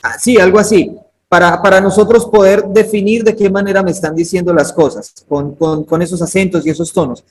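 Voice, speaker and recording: A man's voice: high-pitched, fairly even intonation, a little fast, darkish tone, rough recording. A man teaching a Bible interpretation workshop over a video call, talking conversationally and putting questions to his students by name. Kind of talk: interactive online class lecture.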